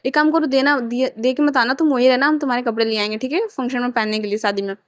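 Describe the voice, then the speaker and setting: A woman doing a brisk, bossy mother. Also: sits high, steady tone, no echo, lightly acted. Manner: brisk instructions.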